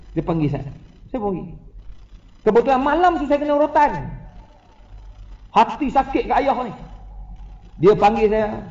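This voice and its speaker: High-voiced Malaysian man preaching in an echoey hall. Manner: lively storyteller who keeps addressing the audience as "tuan-tuan"; humorous, laughing between points. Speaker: religious teacher on a forum panel. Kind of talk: religious forum talk with personal stories. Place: prayer hall. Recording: echoey, dull prayer-hall recording.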